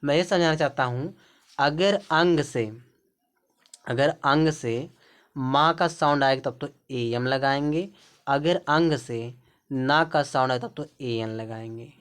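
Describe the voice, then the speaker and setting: A man's voice: medium pitch, unhurried, fairly bright tone, clear, resonant tone. A man teaching a spelling lesson, patiently spelling out words letter by letter. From India. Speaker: English teacher.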